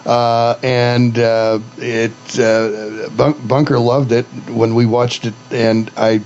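A man of middling pitch chats casually as a show co-host. His delivery is halting and offhand. The sound is a little muffled and lo-fi, with faint noise underneath. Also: level tone, darkish tone. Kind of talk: casual chat. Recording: dull lo-fi audio with faint noise.

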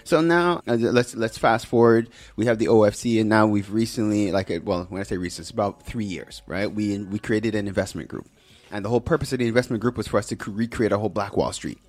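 A man hosts a show in casual, podcast-style talk, keeping it conversational and packed with slang. His voice is fairly low with a darkish tone, and he talks fast.

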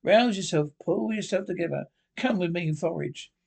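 A man reading aloud and voicing a cheerful, brisk male water rat with a hearty, bustling manner. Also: sits high, vocal fry, darkish tone. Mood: coaxing. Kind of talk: storybook reading.

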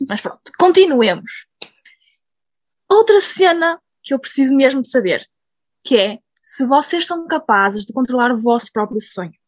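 A young woman with a European Portuguese accent steers a relaxed group conversation and speaks in casual slang. Her voice is a little high, and the sound is dry and close. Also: normal speed, no room sound. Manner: chatty, uses slang. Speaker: discussion moderator. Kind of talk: casual chat.

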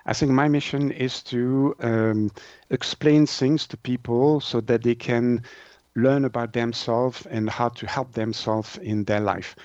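A Swiss naturopath and author, a native French speaker with a French-Swiss accent, explains things as an interview guest, halting and searching for words in non-native English. His mid-range voice is steady and a little mellow, with no echo, in dull lo-fi audio.

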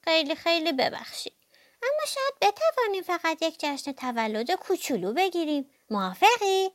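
Lady doing a tiny squeaky storybook mouse, bright and eager, high voice bouncing around. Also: big pitch swings, no room sound. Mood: pleading. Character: small cheerful gray mouse, bright-eyed.

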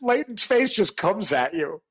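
A man's voice: high voice, very animated, unhurried, fairly bright tone, rough recording. A man co-hosting a casual livestream, rambling with restarts and laughing often while demonstrating AI image prompts.

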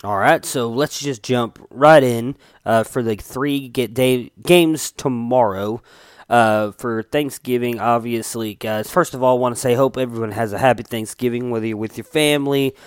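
A man hosting a casual solo podcast about fantasy football, talking informally and haltingly while getting over an illness, with a faint nose whistle when he breathes. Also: medium pitch, steady tone, smooth, no echo, studio quality. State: getting over strep and fever. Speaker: podcast host.

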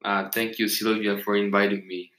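A young man as the expert guest in a casual interview, giving halting answers with pauses. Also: on the low side, level tone, fairly bright tone. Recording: echoey room.

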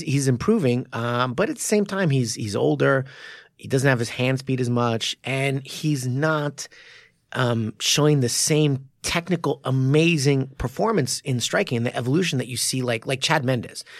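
A podcast co-host talks about fight technique in a studio, casual and enthusiastic. His mid-range voice is animated and moves at normal speed, with no echo.

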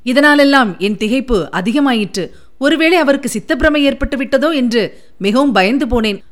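An earnest, anxious royal spy, loyal to his king, recounts a long tale in a steady, careful telling. A woman reads him in a storybook voice that sits slightly high. Her delivery stays measured and serious throughout.

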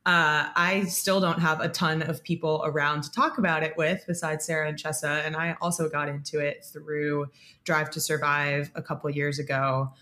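A woman's voice: low-pitched, level tone, normal speed, bright, forceful tone. A woman in her twenties co-hosting a podcast, friendly and loose, laughing easily as she talks. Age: 20s. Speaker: podcast co-host. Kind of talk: casual podcast chat.

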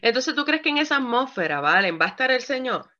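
A woman's voice: high-pitched, fast talker. A woman pastor preaching a sermon to women, asking her listeners questions as she goes. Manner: lively preaching, asks the audience questions. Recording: dull lo-fi recording.

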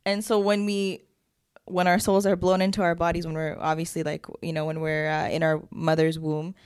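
A woman's voice: on the low side, little pitch movement, moderate pace, darkish tone, smooth, no room sound, studio quality. A young woman co-hosting a casual podcast, rambling with lots of fillers and frequent giggles. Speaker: podcast co-host. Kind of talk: casual chat.

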